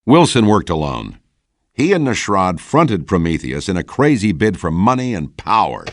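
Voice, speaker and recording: An actor playing a weary, loyal older commander in a video game cutscene, subdued and paternal. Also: male voice, low voice, big pitch swings, normal speed, dry recording, clean studio sound. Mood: grateful, calm. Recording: faint noise behind the voice.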